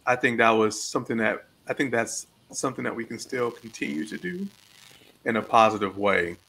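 A man co-hosting a discussion podcast, talking in an animated, opinionated way with joking asides. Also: mid-range voice, moderate pace, vocal fry, slight background noise, low-quality recording. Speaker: podcast co-host.

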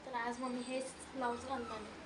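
A woman's voice: on the high side, level tone, brisk. A woman, the daughter, narrating a home vlog casually and presenting to viewers in an upbeat way. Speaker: daughter, co-vlogger. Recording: loud background noise.

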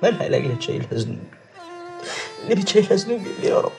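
A guilt-ridden wealthy father talks fast with a lively, swinging pitch and an Egyptian Arabic accent. Strings play under him in a television drama. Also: creaky, exaggerated voice. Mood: grieving. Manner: shouting then broken, pleading. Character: remorseful wealthy father, ailing, volatile. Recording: soft dramatic music behind, slightly distant.

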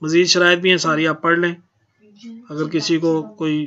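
A man's voice: a little high, little pitch movement, moderate pace, a bit bright, dull audio. A man hosting his own channel, plainly reading out auction notices and tacking a polite "ji" onto most sentences. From Pakistan. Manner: plain, repeats "ji" often. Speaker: channel host.

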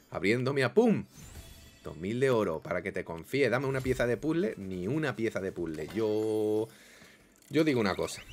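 A young man commenting casually on a game, swinging between mock despair and loud excitement. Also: mid-range voice. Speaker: gaming YouTuber.

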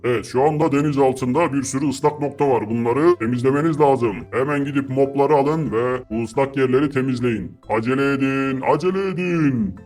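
A man's voice: mid-range voice, darkish tone, soft background music, natural voice. A man voicing a submarine captain in a game video, hurrying players with orders. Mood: bossy. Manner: hurried orders. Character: bossy submarine captain, male adult.

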